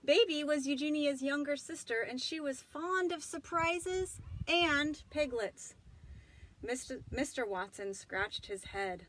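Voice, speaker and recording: A woman reads a children's storybook aloud and adds her own commentary, telling it in an expressive, emphatic way. Her voice is high-pitched and she takes her time.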